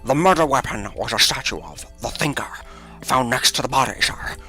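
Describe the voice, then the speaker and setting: A man voicing an eager, blustering male police detective in a video game, loud and saying "sir" over and over. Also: medium pitch, expressive, normal speed, soft background music.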